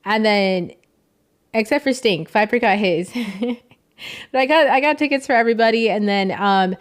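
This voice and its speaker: A woman's voice: medium pitch, moderate pace. A young woman streamer talking casually and emotionally to her chat, rambling and thanking viewers.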